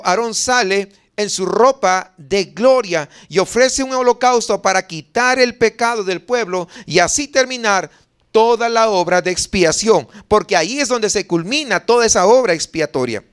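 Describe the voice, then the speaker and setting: Male pastor, high and smooth voice, preaching in church and reading scripture aloud. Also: animated, moderate pace, a bit bright. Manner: explains scripture to the congregation, reading verses aloud; asks the congregation questions. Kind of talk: sermon.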